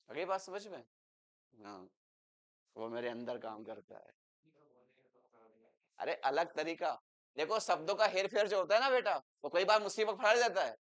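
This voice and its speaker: A man teaching an English grammar lesson in Hindi, explaining with English examples and turning loud and emphatic when he makes a point. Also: high voice. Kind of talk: classroom lecture.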